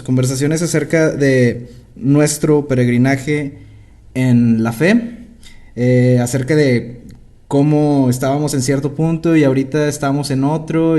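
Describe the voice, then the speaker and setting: Relaxed podcast host. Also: male voice, mid-range voice. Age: late 20s. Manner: relaxed, reflective, short affirmations. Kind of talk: casual podcast conversation.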